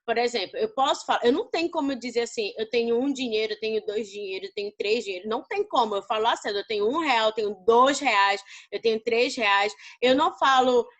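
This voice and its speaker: A Brazilian woman teaching an English lesson to students, explaining slowly and often checking whether they understand. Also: a little high. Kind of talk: recorded class lesson.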